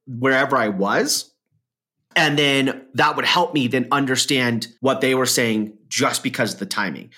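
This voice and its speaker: A middle-aged man co-hosting a casual podcast chat, with a bright, clear tone. He talks in an easygoing way, explains his points at length and laughs along with his co-host. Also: medium pitch.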